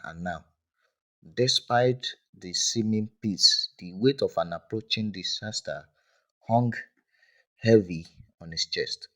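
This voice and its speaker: A man's voice: fairly low pitch, low-quality recording. A man narrating a dramatic folk tale in a grave storytelling manner. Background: loud background music.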